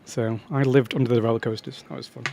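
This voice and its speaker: A man's voice: mid-range voice, flat delivery, fast, creaky, dark tone, slight background noise. A man casually commenting on his own strategy game, rambling and breaking off into chatty asides.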